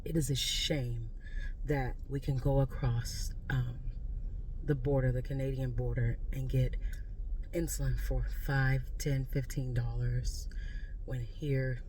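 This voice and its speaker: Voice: medium pitch, level tone, slow pace, darkish tone, slight background noise, poor audio. An exasperated American vlogger giving a casual, unscripted political rant in a blunt, emphatic way. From United States. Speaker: video creator giving political commentary.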